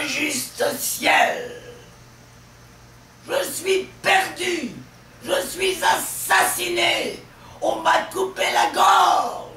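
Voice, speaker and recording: A panicked old miser cries out in a high, shrill, shouting voice. The shrieks swing wildly up and down. It is heard from a distance in an echoey room. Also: male voice, gravelly, slight background noise, heavily acted. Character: old male miser, frantic over stolen money.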